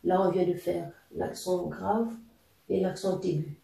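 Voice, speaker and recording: A language teacher giving a patient, explanatory lesson, often pausing on fillers while spelling out words and examples. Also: mid-range voice, fairly even intonation, creaky, warm tone, distant mic. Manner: patient, hesitant with frequent fillers. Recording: echoey room, voice a little off-mic.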